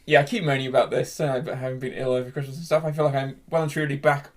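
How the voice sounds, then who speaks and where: A man's voice: mid-range voice, little pitch movement, very fast. A man co-hosting a film podcast in casual chat, telling anecdotes with a dry wit. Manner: dry, wry storyteller. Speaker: podcast co-host.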